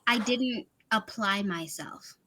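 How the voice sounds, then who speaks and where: Speaking slowly at a mid-range pitch, this Miami-born English tutor keeps her video call relaxed and chatty. She laughs often and leans on "like" and "you know" as fillers. Heavy background noise runs underneath.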